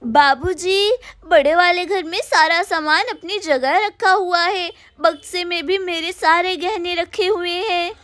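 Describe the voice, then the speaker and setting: Casting: woman as a very high-voiced, hurried daughter-in-law for a doll cartoon, dry sound. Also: a bit bright, no echo. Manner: hurried, complaining. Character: young village daughter-in-law, busy and put-upon.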